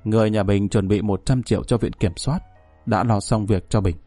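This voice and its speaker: A man's voice: lowish voice, fairly even intonation, normal speed, warm tone, no echo, soft background music. A man narrating a story in a wry, conversational manner.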